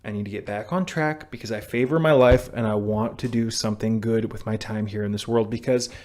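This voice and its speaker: A man's voice: on the low side, steady tone, fairly quick, darkish tone. A young man talking straight to his camera about staying sober, blunt and preachy, with frequent restarts and the odd swear word. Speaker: vlogger on sobriety. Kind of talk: direct-to-camera self-help talk. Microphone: camera mic.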